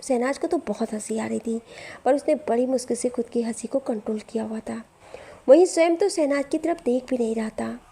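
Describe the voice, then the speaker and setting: A woman telling a romantic story in steady, dramatic scripted narration. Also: fairly high pitch, a little fast, vocal fry, breathy edge.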